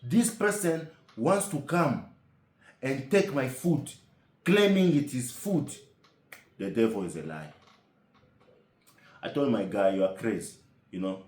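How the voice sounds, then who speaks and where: A man telling a comic story as a monologue, animated and indignant, firing rhetorical questions. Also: medium pitch, slow pace, long pauses, echoey room.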